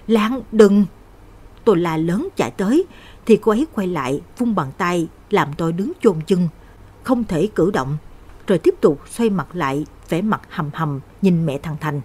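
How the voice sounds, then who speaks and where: A woman narrating a horror story. Her delivery is dramatic and measured, with a breathy tone and lively pitch movement.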